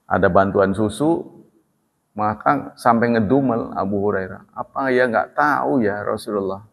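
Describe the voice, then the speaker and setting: A man's voice: medium pitch, gravelly, a bit bright. Preacher guy, storytelling sermon, echo from a big hall. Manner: storytelling with acted dialogue and humor.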